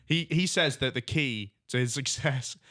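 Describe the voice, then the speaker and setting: The co-host of a laid-back comedy podcast, this man clowns around and leads a quiz segment. He speaks at normal speed, his medium-pitched voice a bit bright.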